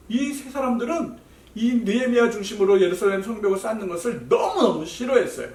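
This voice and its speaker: High-voiced man preaching to children. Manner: animated, asks children questions. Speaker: Sunday school preacher. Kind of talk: children's sermon. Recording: roomy echo, voice heard from a distance.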